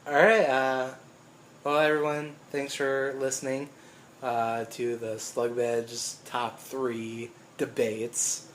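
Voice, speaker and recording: A man's voice: medium pitch, level tone, slow pace, fairly bright tone, a little hiss or hum. A young man co-hosting a casual chat about games, rambling, swearing freely and laughing often. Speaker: co-host.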